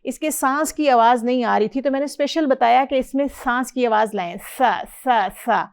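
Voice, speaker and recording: A middle-aged woman, teaching Quran reading and drilling letter sounds with a student. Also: high-pitched. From Pakistan. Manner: patient, explanatory, models letter sounds clearly and praises.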